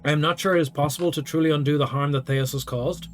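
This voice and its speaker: A man with a fairly high voice hosts a video game playthrough. He reads narration and dialogue options aloud as he goes. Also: fairly even intonation, fast talker, soft background music. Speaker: let's play host.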